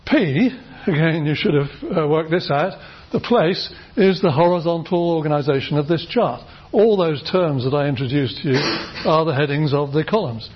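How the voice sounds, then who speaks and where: A man's voice: fairly high pitch, normal speed, hardly any pauses, slight background noise. A British man giving a university phonetics lecture, explaining patiently with many fillers and restarts and demonstrating sounds aloud. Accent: British English. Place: lecture room. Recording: dull lo-fi lecture recording.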